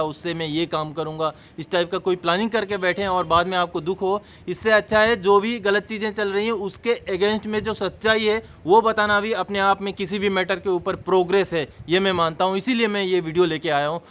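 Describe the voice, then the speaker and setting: Addressing his viewers as friends, a man who hosts his own YouTube channel gives an earnest, informational explanation of an issue. He has a high, somewhat bright voice, and the recording comes across a little dull with a faint background noise.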